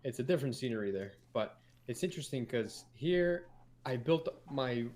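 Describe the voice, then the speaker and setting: A man's voice: medium pitch, animated, moderate pace, darkish tone. A man from Colombia hosting a podcast, asking blunt, direct personal questions in casual conversation. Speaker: podcast host. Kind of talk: casual interview.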